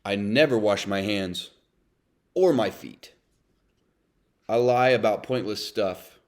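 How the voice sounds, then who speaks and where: A man's voice: fairly low pitch, slow pace, darkish tone. A man reading a children's storybook as a brooding, self-confessed bad sunflower seed, in a dramatic, confessional way. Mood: grumpy, confessional. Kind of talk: children's read-aloud narration.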